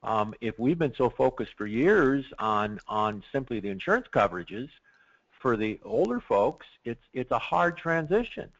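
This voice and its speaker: A consultant explains his field with plenty of enthusiasm and a gravelly edge to his voice. His pitch swings widely as he talks, and he keeps stopping and starting his sentences. The man's voice comes through dull lo-fi audio. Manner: animated, excitable, many restarts. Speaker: risk management consultant. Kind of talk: podcast interview.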